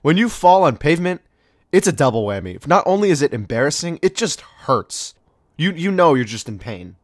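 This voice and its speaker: A man's voice: a little high, sing-song, moderate pace, no echo, studio quality. A young man hosting a casual countdown video, rambling in slang with many fillers and acting out quoted voices. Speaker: video host.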